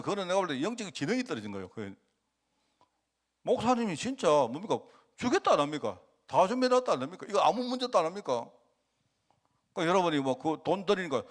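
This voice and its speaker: A middle-aged male pastor giving a conversational sermon, asking rhetorical questions and acting out quotes. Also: on the high side.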